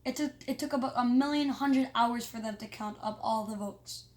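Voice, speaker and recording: A children's story is read aloud by a high-voiced reader whose lively delivery keeps faltering over little slips.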